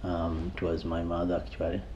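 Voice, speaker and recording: A man's voice: sits low, completely flat delivery, brisk, lo-fi sound, over music. A man in his forties, born in exile, recounting his past in a documentary interview, hesitant with many fillers and restarts. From Rwanda. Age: 40s.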